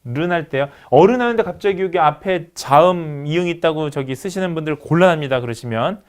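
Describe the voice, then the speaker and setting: A man's voice: on the high side, lively intonation, clear, resonant tone. Patient male lecturer drilling sounds. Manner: patient, repeats sample words slowly and drills them. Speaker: university lecturer. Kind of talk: recorded phonetics lecture.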